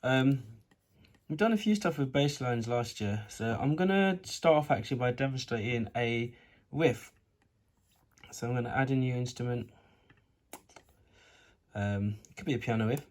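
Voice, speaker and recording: A man's voice: mid-range voice, lively intonation, moderate pace, pauses often. A man teaching an informal step-by-step music tutorial, thinking aloud as he works, with R's that come out like W's. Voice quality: cannot pronounce R's properly, R sounds like W. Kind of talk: informal screen-recorded tutorial, demonstrating step by step.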